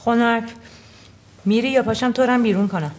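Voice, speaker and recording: Sharp-tongued woman doctor, played by an actress. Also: on the high side, slight background noise, close to an everyday voice. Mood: teasing. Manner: teasing, quick retorts.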